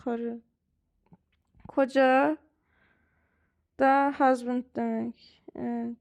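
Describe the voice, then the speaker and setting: A woman teaching a language lesson, translating lyrics word by word with slow, halting explanations full of fillers. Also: fairly high pitch, flat delivery, vocal fry.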